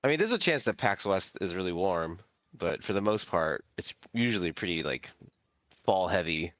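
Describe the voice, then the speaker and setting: A man's voice: sits low, animated, moderate pace, fairly bright tone, no room sound, highs cut off. A man co-hosting a game stream, chatting cheerfully and giggling often. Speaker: co-host. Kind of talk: casual stream banter.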